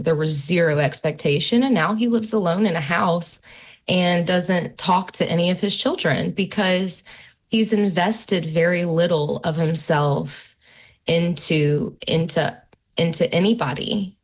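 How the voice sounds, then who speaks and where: Woman in her thirties, lowish voice, casual chatty storyteller with lots of fillers. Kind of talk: casual conversation.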